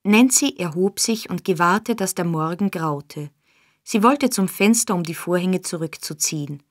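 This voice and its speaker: A woman reading a novel aloud as an audiobook narrator, in a steady, dramatic manner on a close studio mic. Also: on the low side, a little slow, dry recording. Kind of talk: scripted narration.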